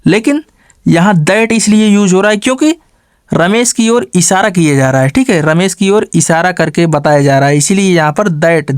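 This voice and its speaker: A man teaching an English grammar lesson. He asks questions and answers them himself, adds a quick "okay" after every step, and slows down to spell out example sentences word by word. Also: sits high, dry recording, studio quality.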